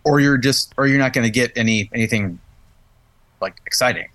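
A man's voice: mid-range voice, a little fast, a bit bright, dry recording. A man hosting a podcast, chatting in a thoughtful, searching way and often restarting phrases. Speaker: podcast host, musician. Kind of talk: casual chat.

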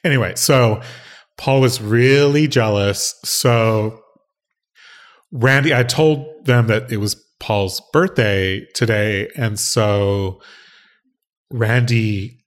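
A man's voice: lowish voice, slow. A man in his forties co-hosting a casual podcast, teasing his partner with dry banter and telling stories. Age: 40s. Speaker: podcast co-host. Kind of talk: casual chat.

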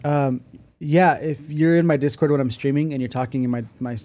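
Male co-host, teasing and sarcastic, slightly high voice. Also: brisk, warm tone. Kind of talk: casual group chat.

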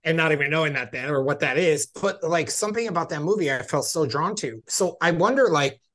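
A man's voice: fairly high pitch, expressive, a little fast, fairly bright tone. Rambling man in his forties hosting. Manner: rambling, lots of "like" fillers. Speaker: host. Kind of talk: interview chat.

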